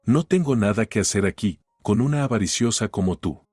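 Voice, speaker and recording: A man's voice: on the low side, lively intonation, brisk, darkish tone, breathy edge, no room sound, clean studio sound, faint music behind. Man voicing a cold, scornful husband. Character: scornful, entitled young husband. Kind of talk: audiobook story reading.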